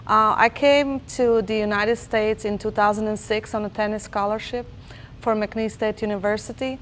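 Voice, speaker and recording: A woman's voice: medium pitch, fairly even intonation. Woman, from Croatia, panel guest, earnest, polite, faint ambient noise. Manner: earnest, polite, slightly halting. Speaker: guest, process industry logistics analyst. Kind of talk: panel interview.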